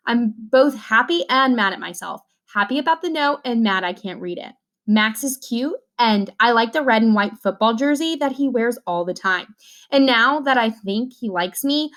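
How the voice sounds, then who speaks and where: Reading from a children's novel in a fairly high-pitched voice, a woman brings it to life with expression and acts out each bit of dialogue.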